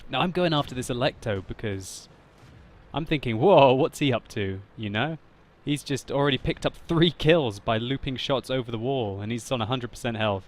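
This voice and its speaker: A man narrating his own tank battle gameplay as a voice-over commentary, laughing often and getting loud and excited at big moments. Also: mid-range voice, normal speed. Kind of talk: video game commentary voice-over.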